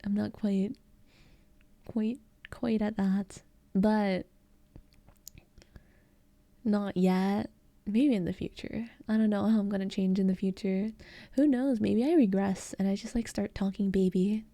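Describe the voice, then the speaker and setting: A young woman streamer chatting casually on a close mic, soft-spoken and giggly, rambling with lots of fillers. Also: mid-range voice, steady tone, a little slow, pauses often, no echo. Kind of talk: casual ASMR stream chat.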